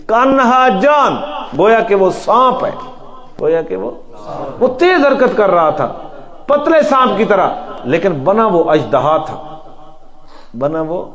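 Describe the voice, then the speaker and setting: A middle-aged male preacher in a mosque, teaching a Quran lesson with a Pakistani Urdu accent. He swings from loud, emphatic calls to soft, low asides, chants Arabic verses slowly and puts questions to his listeners. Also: very animated, muffled recording.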